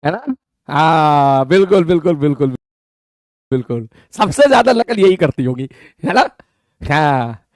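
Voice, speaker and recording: A man teaching an online class, bantering playfully. He repeats words in quick runs. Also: lively intonation, no room sound, studio quality. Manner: breaks into high mock voices when quoting students.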